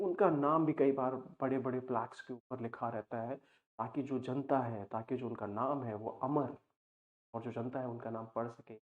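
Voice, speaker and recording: A young man teaches word meanings in a patient, explanatory way, slowing right down whenever he reads an example sentence. His voice sits at an ordinary middle pitch. The audio is thin and tinny, like a phone line. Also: a little mellow. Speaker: vocabulary teacher. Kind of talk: explanatory exam-prep lesson.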